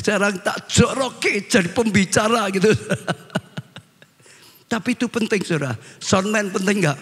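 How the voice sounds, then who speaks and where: A man's voice: sits high, husky. A man, a pastor preaching to his congregation, joking and often turning to them directly. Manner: animated and joking, addresses the congregation as "saudara". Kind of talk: sermon. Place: church hall. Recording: reverberant church hall.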